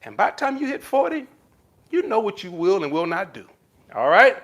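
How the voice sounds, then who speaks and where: Here a man with a high voice and moderate pace hosts a relaxed live stream, responding to viewer comments with advice about relationships. He's animated throughout and calls his viewers "baby" and similar pet names.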